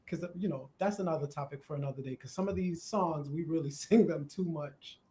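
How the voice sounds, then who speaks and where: Jamaican man, high-pitched voice, talkative host, casual live stream chat. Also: fairly quick. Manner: chatty, animated, laughs while explaining. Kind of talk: casual discussion on church worship.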